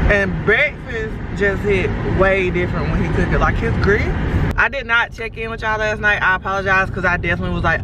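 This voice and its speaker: A woman's voice: on the low side, far from the mic, very noisy. A young woman vlogging on a handheld camera, casual and slangy, often laughing. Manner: laughs a lot, slangy and chatty. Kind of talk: casual vlog chat.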